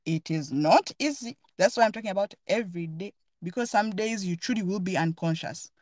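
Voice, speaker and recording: Woman host, thoughtful casual chat, middle pitch, dry recording. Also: fairly quick, darkish tone, no echo. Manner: earnest, thoughtful, searching for words. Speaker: podcast host.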